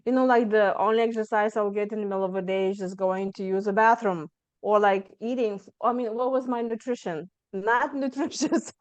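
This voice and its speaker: A woman, a stress coach telling her story as a podcast guest, lively and acting out her own past thoughts. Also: medium pitch, a little fast, dry recording. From Lithuania. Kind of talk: conversational storytelling interview.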